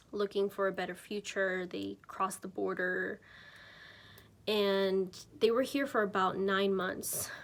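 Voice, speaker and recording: A Mexican woman in her twenties, a church member, shares her personal faith testimony to camera in a medium-pitched, creaky voice. She speaks casually and without polish, with plenty of ums and self-corrections.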